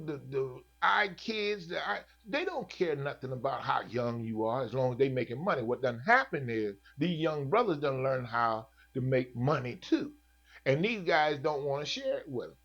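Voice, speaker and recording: Folksy co-host, man, husky voice, muffled low-fidelity audio. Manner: folksy, animated, joking. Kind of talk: casual chat. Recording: dull lo-fi sound.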